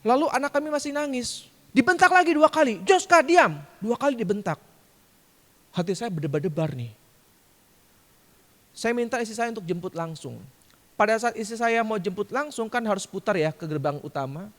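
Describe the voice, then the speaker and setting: A man preaching a sermon, telling a personal story and acting out the shouted lines he quotes. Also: high-pitched, animated, normal speed, long pauses. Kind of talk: sermon testimony. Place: large church hall. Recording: long church hall reverb.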